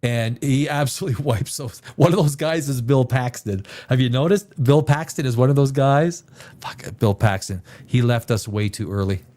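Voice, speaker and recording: A Canadian livestream host rambles casually about films, opinionated and emphatic, repeating phrases to hammer his points home. He speaks at normal speed in a mid-range voice with a darkish tone.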